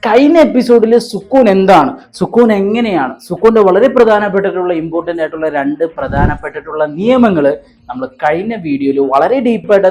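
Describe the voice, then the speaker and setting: A man teaching Quran recitation in a studio classroom with a board. He explains the rules and spells out letters slowly for his students, his voice lifting on each letter. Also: darkish tone. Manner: rises in pitch and slows when spelling letters, casual aside elsewhere.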